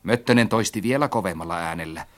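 A man's voice: low voice, animated. A man narrating a story as an audiobook, reading expressively and acting out his own quoted lines.

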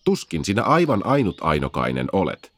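A man voicing a wise, well-travelled male owl, calm and matter-of-fact. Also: low voice, full character voice. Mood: calm advice.

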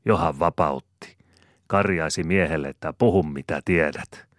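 A man reading the part of a talkative old farmhand spinning a yarn for his fellow haymakers, his voice very deep and lifted a touch for the telling. It sounds close and dry, as in a small booth, like an old storybook reading. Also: no echo. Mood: storytelling.

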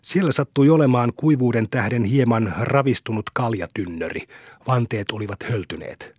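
A man's voice: slightly rough, dry recording, clean studio sound. A man reading a classic novel aloud as an audiobook narrator, telling the story steadily. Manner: steady storytelling, lifts pitch for the boys' quotes. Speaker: audiobook reader.

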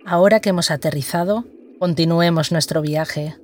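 A narrator leading a guided sensory meditation with slow, deliberate, instructional phrasing. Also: mid-range voice, darkish tone.

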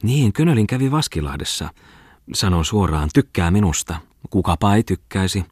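A man's voice: sits low, big pitch swings, a little mellow, slightly rough, dry recording, clean studio sound, pitched above the performer's own voice, full character voice. A man reading a novel aloud, voicing a sly, flirtatious former farm mistress with a teasing, coaxing manner. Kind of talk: audiobook character reading.

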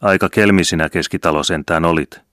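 A man's voice: very deep voice, sharp tone, no echo, studio quality. A man voicing a contemptuous peasant who leads an angry crowd, in an audiobook reading. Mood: scornful. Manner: contemptuous, demanding.

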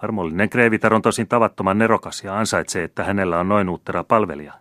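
A haughty, scornful young nobleman, put on by a male audiobook reader, sneering and careless with everyone he speaks to. His voice sits low and close, with a dry, deadened sound. He mocks the people below him without effort. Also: fairly bright tone, dry recording, close to an everyday voice. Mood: contemptuous. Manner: haughty, mocking.

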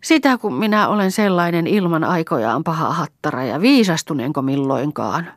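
A woman reading an impulsive, talkative young village woman in an audiobook, lively and emotional. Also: low voice, dry recording, studio quality. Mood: tearful. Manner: lively and chattering, quick to laugh and cry.

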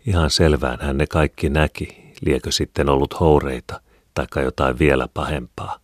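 A man reading a classic novel aloud as an audiobook narrator, calm and measured. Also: a bass voice, slightly rough, dry recording, clean studio sound. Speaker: audiobook reader.

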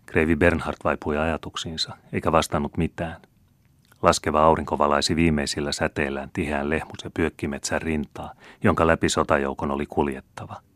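A male audiobook narrator with a very deep, low voice reads a classic novel at a measured, steady pace. The recording is dry and close, with no room echo.

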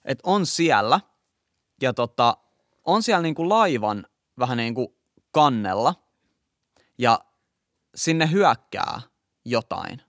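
A man's voice: medium pitch, big pitch swings, pauses often, fairly bright tone, no echo, studio quality. A man co-hosting a casual chat podcast, reading from an article and recounting his own dreams. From Finland. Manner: reads article excerpts, then tells dreams animatedly. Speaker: podcast co-host.

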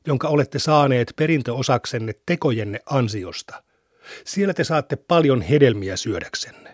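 Male reader, mid pitch, measured solemn scripture reading, dry studio sound. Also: no echo. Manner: measured, even recitation.

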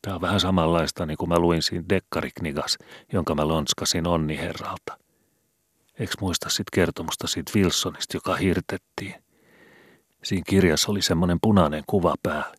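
A man voicing a streetwise teenage boy who explains things in a hushed voice with old Helsinki slang. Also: sits low, fairly even intonation, husky, no echo, studio quality. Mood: telling. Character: streetwise teenage boy Vili, know-it-all.

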